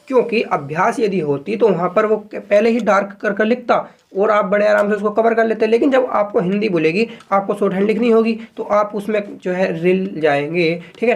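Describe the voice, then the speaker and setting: A male teacher explains shorthand in a relaxed video lesson. He talks patiently and conversationally, slowing down to repeat example sentences word by word. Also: high voice. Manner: addresses viewers as friends, frequent "ठीक है".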